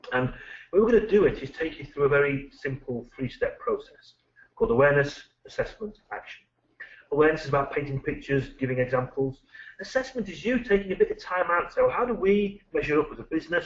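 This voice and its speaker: A middle-aged British man, a management consultant, presenting a business webinar with lively, anecdotal, punchy delivery. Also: medium pitch. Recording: dull lo-fi recording.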